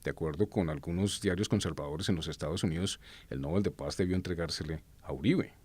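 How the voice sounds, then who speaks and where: Earnest, deep-voiced Colombian-born man. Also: fast, a little mellow, husky. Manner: earnest, with frequent hesitations and self-corrections. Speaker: political commentator. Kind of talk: unscripted political commentary.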